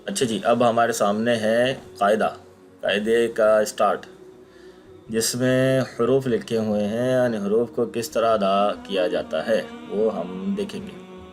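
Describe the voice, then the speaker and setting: A patient male teacher talks through a recorded online lesson in a fairly low voice, sounding out each letter slowly and repeating it aloud. Soft music plays faintly behind him. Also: steady tone. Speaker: Quran recitation teacher.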